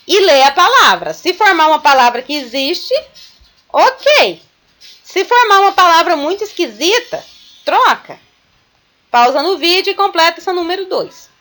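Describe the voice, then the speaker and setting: A woman teaching a recorded class to young children, explaining slowly and patiently step by step. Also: extremely high pitch, big pitch swings, sharp tone. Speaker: primary school teacher. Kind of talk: recorded remote class lesson.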